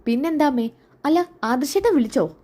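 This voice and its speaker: A woman's voice: high voice, expressive, normal speed, warm tone, pitched above the performer's own voice. A woman voicing a young man who pleads and grows panicked over his injured beloved. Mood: coaxing.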